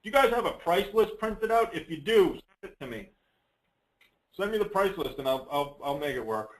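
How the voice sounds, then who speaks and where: On a conference call, a man gives a casual, unscripted software walkthrough, rambling a bit and thinking aloud as he presents. His voice is high-pitched and expressive at a moderate pace, and the audio is poor.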